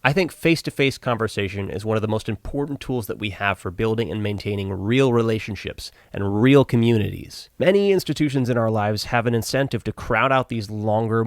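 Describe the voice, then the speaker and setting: In a dry, clean studio recording, a man hosting a podcast talks conversationally at a normal speed with few pauses, his voice on the low side. It's casual chat and an informal host outro, and he's appreciative, saying "man" and "dude" a lot.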